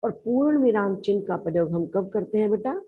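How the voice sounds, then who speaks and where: Animated and fairly quick, this woman teacher speaks in a mid-range, slightly rough voice with a Haryanvi Hindi accent. She explains a grammar lesson patiently and calls her pupils "beta" with affection, heard through a lo-fi, narrow-band recording.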